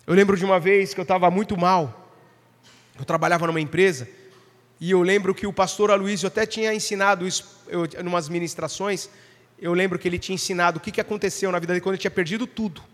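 Male preacher, high voice, emphatic sermon delivery with questions to the congregation, long hall reverb. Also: fairly bright tone.

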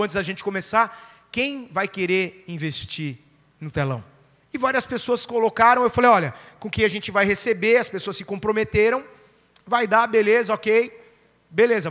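A Brazilian man preaching to a church congregation, telling a story with lively acted-out voices. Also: high-pitched, long reverb tail. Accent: Brazilian Portuguese. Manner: animated storyteller, acting out quoted voices. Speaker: pastor. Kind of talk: sermon with storytelling.

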